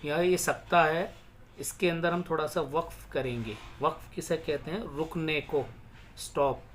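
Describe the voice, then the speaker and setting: A man teaching Quran reading. He explains the rules briskly, then chants each verse slowly, syllable by syllable. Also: on the high side, steady tone, a little hiss or hum.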